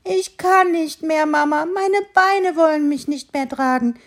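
A woman voicing a small, frightened young fawn that pleads in a high, breathless voice while reading a storybook aloud. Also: measured pace. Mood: panting, pleading.

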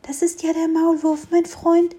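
Woman doing a high, eager little fir tree. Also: level tone, measured pace. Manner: eager, curious, bright-voiced. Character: small cheerful young fir tree, curious. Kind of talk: storybook reading.

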